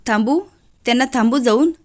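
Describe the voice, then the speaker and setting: A woman's voice: a little high, brisk, darkish tone, voice pushed up, lightly acted. A woman voicing a sly, sarcastic older woman in a serial recap, reading in a teasing way.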